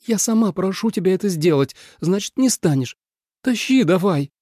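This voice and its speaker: A man's voice: high voice, lively intonation, moderate pace, dark tone, no room sound, studio quality, pitched above the performer's own voice. Snappish snake demon woman, a man's put-on voice. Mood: demanding. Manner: snappish, sarcastic.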